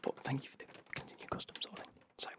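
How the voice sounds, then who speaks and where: A man giving a casual whispered ASMR unboxing as host, rambling and correcting himself in a breathy whisper. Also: racing. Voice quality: breathy whisper with creaky edges.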